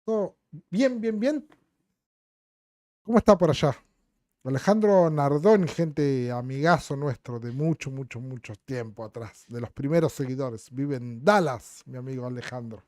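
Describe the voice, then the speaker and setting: A man's voice: mid-range voice, a little slow, a little mellow, no room sound, studio quality. A man with an Argentine accent from La Plata, hosting a casual livestream and bluntly answering viewer questions, dropping in Portuguese words. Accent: Argentine Spanish, La Plata.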